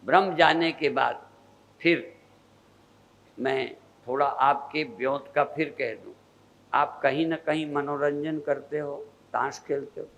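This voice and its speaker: High-voiced older man giving a slow sermon. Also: creaky, fairly bright tone, slight background noise, rough recording. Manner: measured, repetitive preaching cadence. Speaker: spiritual teacher.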